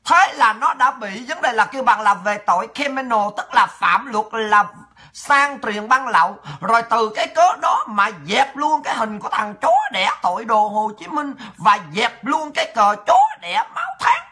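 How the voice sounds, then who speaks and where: A woman's voice: on the high side, big pitch swings, normal speed, sharp tone. A woman giving fiery, emphatic political commentary as a host. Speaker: online commentator.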